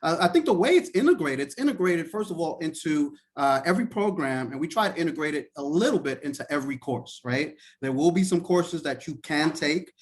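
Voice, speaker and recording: A man's voice: fairly high pitch, animated, a little fast, few pauses. A man from Trinidad and Tobago, a professor and lawyer, answering questions in a live online class in an encouraging, conversational way. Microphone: video call.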